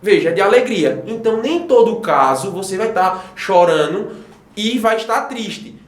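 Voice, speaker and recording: A Brazilian man teaching an English grammar lesson, animated and often checking in with his students. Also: sits high, moderate pace, roomy sound. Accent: Brazilian Portuguese. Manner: animated, addresses students directly with frequent checks. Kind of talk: classroom lesson explaining grammar.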